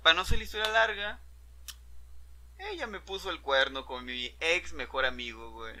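A man's voice: a little high, expressive, moderate pace, bright, forceful tone. A young man with a Mexican accent telling a personal story in a casual, profane chat, dropping slang fillers constantly. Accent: Mexican Spanish. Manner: profane, slangy, tags nearly every phrase with a filler.

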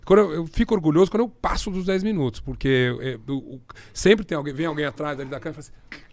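Middle-aged Brazilian man, journalist, animated storyteller, high voice, dry close sound. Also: fast talker, no echo. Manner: animated, laughs often, acts out quoted voices. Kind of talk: anecdotal storytelling in a conversation.

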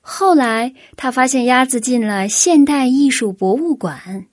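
A woman reads a children's picture book aloud, slow and unhurried. Her voice is fairly high and gentle. The recording is close and dry. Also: no echo. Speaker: storyteller. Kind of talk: children's storybook reading.

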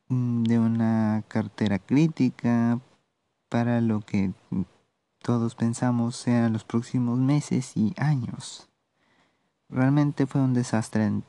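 A man with a Peruvian accent hosting a solo podcast, giving political commentary in a measured, sardonic way with halting pauses. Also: medium pitch, warm tone, no room sound. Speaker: podcast host.

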